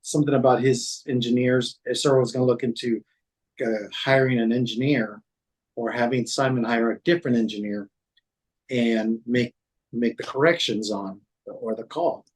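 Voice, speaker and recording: A man's voice: mid-range voice, fairly even intonation, slightly rough, rough recording. A man, a former city code manager, recounting past workplace events in an interview, with frequent restarts and quoted dialogue. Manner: halting, many restarts and fillers, quotes others in dialogue.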